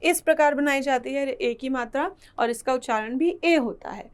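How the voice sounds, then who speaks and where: A woman teaching a children's lesson, slow and patient, repeating syllables aloud. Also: sits high, clean tone.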